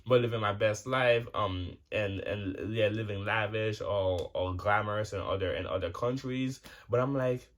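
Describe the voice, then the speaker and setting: A man in his twenties vlogs to his audience in a rambling, casual monologue, swearing liberally and often starting over amid many fillers. His voice is lowish, at a moderate pace with hardly any pauses.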